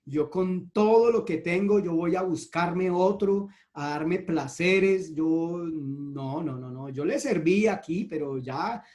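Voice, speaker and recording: A man's voice: a little high, slow, few pauses. A man voicing a greedy wife who advises a king on money and scornfully refuses to follow him into death. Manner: dismissive, refusing flatly.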